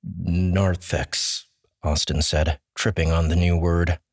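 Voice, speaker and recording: A man reading an audiobook in a measured, steady manner. His voice sits low and deep, recorded close and dry with no room sound. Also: no echo. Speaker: audiobook narrator. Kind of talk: scripted narration.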